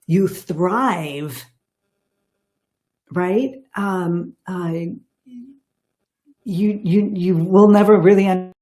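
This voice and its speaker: A woman's voice: mid-range voice, a little mellow. A woman in her sixties, a podcast guest, talking earnestly and emphatically in a casual interview. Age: 60s. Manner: earnest and emphatic, repeating key words.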